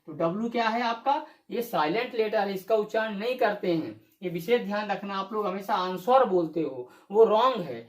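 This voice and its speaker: Expressive and at a moderate pace with hardly any pauses, a patient English teacher explains step by step in a classroom-style video lesson. The medium-pitched voice repeats each rule and asks viewers rhetorical questions before answering, echoing in a roomy space.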